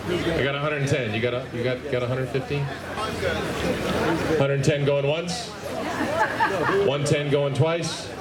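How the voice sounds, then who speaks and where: A man's voice: medium pitch, steady tone, measured pace, pauses often. A man working as an auctioneer at a live event, calling out bids in repeated numbers and tossing joking asides to the bidders. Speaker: auctioneer at charity art and orchid auction. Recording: noisy crowded venue, loud background chatter.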